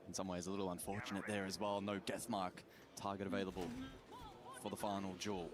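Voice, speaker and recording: Calm male esports analyst. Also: deep voice, fairly quick, music in the background. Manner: calm, analytical, reads out stats. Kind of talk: measured color commentary.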